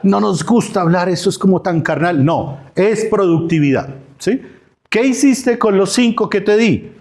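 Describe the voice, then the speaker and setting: A man's voice: high-pitched, darkish tone. A man, a pastor teaching a Sunday school class, who poses questions to the class and acts out dialogue from the parables. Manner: asks the class questions and answers them himself.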